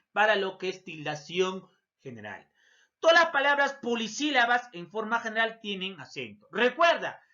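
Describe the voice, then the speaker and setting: A man's voice: sits high, sharp tone. A man teaching a recorded lesson, who poses his students' questions to himself and answers them, often calling the listener his dear student. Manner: explains by asking and answering its own imagined student questions. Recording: dull lo-fi recording.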